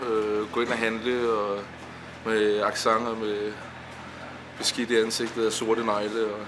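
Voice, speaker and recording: A man's voice: lowish voice, flat delivery. A man, an actor, talks thoughtfully about his role in an interview, with hesitant fillers. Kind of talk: reflective interview talk. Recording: noisy background.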